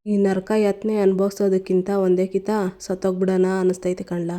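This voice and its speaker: A hopeless young man pouring out despair, as a woman narrator puts him on, in a mellow, flat voice. He sounds like a soap hero at the end of his rope. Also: mid-range voice, brisk, natural voice.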